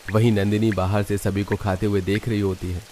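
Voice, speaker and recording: A man narrating a cartoon story in a steady, even way. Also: lowish voice, brisk, a little hiss or hum.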